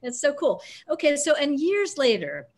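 A middle-aged woman moderating an online panel from her living room over a video call, upbeat and brisk with frequent ums. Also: high-pitched, very animated.

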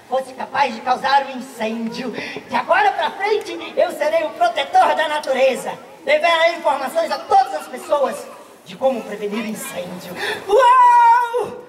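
Very high, excitable little boy, acted by a woman. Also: normal speed. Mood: eager. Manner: exclamatory, wide-eyed. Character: excitable, naive young boy in a children's play. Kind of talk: exaggerated children's stage acting. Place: outdoor stage at night, filmed from the audience. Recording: distant echoey stage sound with crowd.

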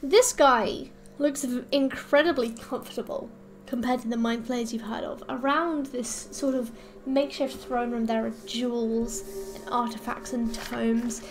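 A woman's voice: on the high side, steady tone, moderate pace. A woman narrating a tabletop game as dungeon master in an upbeat way, often laughing.

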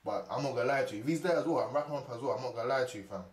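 An actor playing an angry young street hustler, heated and swearing on the phone. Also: male voice, medium pitch, racing, reverberant, natural voice. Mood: scheming. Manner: heated, swearing, slang-heavy.

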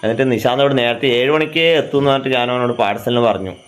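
A man's voice: mid-range voice, very fast. A man, chatting casually to viewers at home as a family vlogger and asking teasing questions. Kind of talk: casual vlog chat. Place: at home indoors.

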